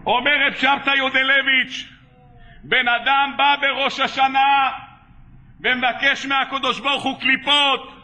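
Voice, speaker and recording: A rabbi delivers a sermon, weaving in an animated story. His voice is very high and strikingly bright. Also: lo-fi sound. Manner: animated storyteller, laughs between lines.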